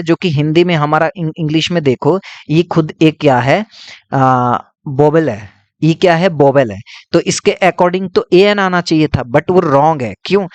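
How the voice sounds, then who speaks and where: A man's voice: fairly high pitch, no echo. A man teaching an English grammar lesson, explaining step by step and asking and answering his own questions while he writes on a board.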